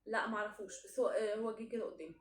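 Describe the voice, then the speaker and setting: A woman's voice: mid-range voice, very fast. A woman with an Egyptian Arabic accent, bantering competitively in a casual quiz game with a friend. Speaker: singing challenge contestant and questioner. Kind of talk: playful casual quiz chat. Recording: echoey room, faint background noise.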